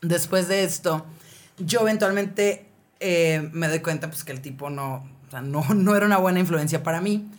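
A woman with a Mexican accent, a podcast co-host, telling a personal story in a slangy, animated way full of fillers. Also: lowish voice, normal speed. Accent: Mexican Spanish. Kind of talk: casual chat, personal storytelling.

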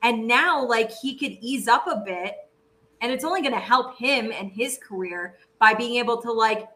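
A woman's voice: on the high side, moderate pace, sharp tone. A woman co-hosting a sports show, chatting casually through a ranked countdown and often saying "like". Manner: conversational, frequent "like".

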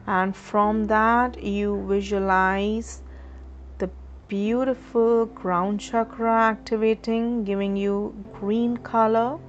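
A woman leading a guided chakra meditation in a slow, soothing, instructive way. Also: mid-range voice, a little hiss or hum. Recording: slightly dull audio with faint music.

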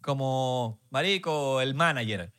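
A young man with a Venezuelan accent, co-hosting a casual podcast chat and talking in an animated, slangy, excitable way. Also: medium pitch, takes it slowly, clean tone. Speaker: podcast co-host, musician.

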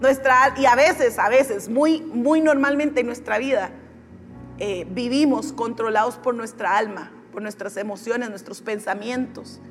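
High-voiced woman preaching in a reverberant hall. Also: unhurried. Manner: lively, acts out quoted voices of churchgoers. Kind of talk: sermon. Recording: long hall reverb with faint music.

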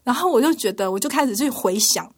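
Fast-talking woman telling a faith story. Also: a little high, lively intonation. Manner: earnest, emotional storytelling with frequent laughs. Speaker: interview guest, TV department manager. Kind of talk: radio interview, personal faith testimony.

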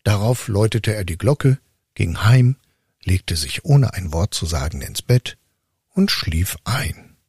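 Husky man reading a fairy tale. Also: on the low side, slow, dry recording, studio quality. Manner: lively, expressive narration. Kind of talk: storybook reading. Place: online voice room.

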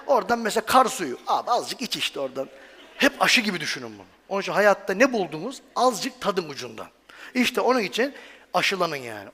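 Male speaker for a stage talk, joking and chatty, fairly high voice that swings widely, long hall reverb. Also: sharp tone. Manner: chatty and joking, asks the audience questions. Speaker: medical professor giving a talk.

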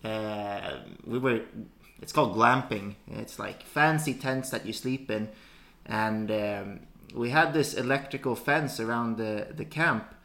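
A man's voice: fairly low pitch, measured pace, gravelly, sharp tone. A young man from Sweden, a podcast guest, speaking hesitantly with many fillers and short answers. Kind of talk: casual podcast chat.

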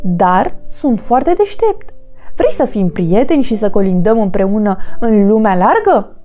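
A woman's voice: medium pitch, very animated, mellow, soft background music, close to an everyday voice. A woman voicing a clumsy, brave young male mouse in a children's story, talking eagerly. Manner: eager and chatty.

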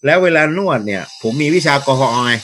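A male schoolteacher telling stories in a casual interview, jokey and lively, slipping into acted quotes. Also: medium pitch, brisk, noisy background.

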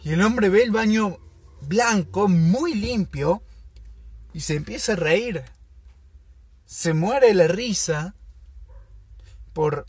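Slow, husky-voiced man. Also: high voice, lively intonation, darkish tone, no room sound. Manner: slow, thoughtful, with pauses and fillers. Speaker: podcast host. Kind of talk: casual storytelling monologue.

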